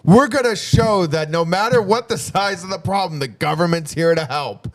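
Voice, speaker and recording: A man co-hosting a podcast in casual political chat, blunt and quick to agree and chime in. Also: high-pitched. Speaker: podcast co-host.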